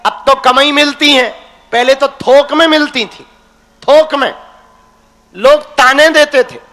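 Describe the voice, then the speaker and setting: A man's voice: very high-pitched, measured pace, pushed and bright. A young man preaching a devotional sermon, teasing and folksy, calling his listeners his crazy ones. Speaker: religious preacher. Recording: long hall reverb.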